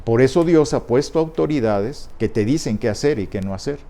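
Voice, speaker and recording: A man's voice: mid-range voice, animated, brisk, mellow. A middle-aged pastor with a Mexican Spanish accent, preaching a sermon and explaining his point with repeated key words.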